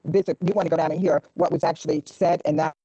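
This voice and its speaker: A woman's voice: low-pitched, steady tone, fast talker, muffled recording, a crowd in the background. A woman on a video call in a virtual committee meeting, asking questions and restating the other speaker's point while her voice breaks up over a bad connection. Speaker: council member.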